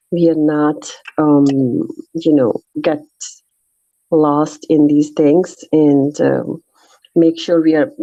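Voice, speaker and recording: Woman, North Indian accent, slow and searching for words, mellow low tone, dull dry recording. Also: dry recording. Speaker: discussion participant. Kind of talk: informal scripture discussion.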